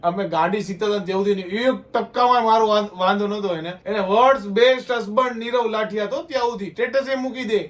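A man's voice: high voice, fairly even intonation, fairly quick, hardly any pauses, a bit bright. A young man, chatting in a casual vlog in a teasing, offhand way. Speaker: vlogger, husband.

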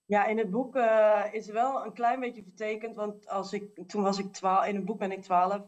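A woman answers interview questions earnestly, pausing often as she talks. Her voice stays flat and even, and she sounds set back from the microphone. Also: medium pitch, lo-fi sound. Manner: earnest, halting. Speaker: guest, technical manager. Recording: voice distant from mic.

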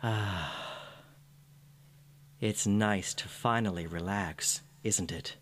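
In this guided meditation, a man with a fairly low voice reads from a script at an extremely slow pace. His phrasing is gentle and soothing, and a faint hum runs beneath the recording.

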